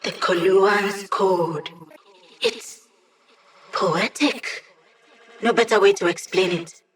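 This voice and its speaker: A woman's voice: mid-range voice, slow, natural voice. A woman voicing a digitized young female hacker in a video game, a wry, upbeat ally with casual, techy chatter. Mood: focused, informative.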